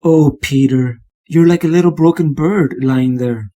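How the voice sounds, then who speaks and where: A man's voice: fairly high pitch, measured pace, mellow, natural voice. A man voicing an older aunt who coddles and patronizes in a sugary, sinister way. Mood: cloying. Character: sweet-talking old aunt, sinister underneath.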